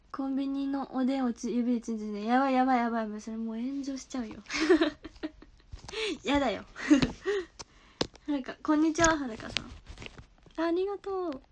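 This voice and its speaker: A bubbly young woman with a high voice chats casually on a live stream. She giggles often and reacts brightly to viewer comments. Her voice comes through a phone mic indoors. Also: a little hiss or hum.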